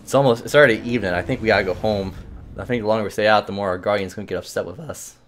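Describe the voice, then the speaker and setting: Relaxed man narrating a game. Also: fairly low pitch, rapid-fire, slight background noise. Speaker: let's play host. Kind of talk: casual gameplay commentary and reading.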